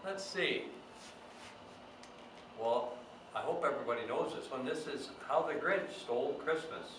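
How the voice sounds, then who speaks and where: Unhurried and expressive, his mid-range voice sounds lightly acted as he plays a folksy Santa reading stories to children with chatty asides. The mood is jolly and playful. He sits away from the mic in an echoey room, so the recording is very echoey with faint noise.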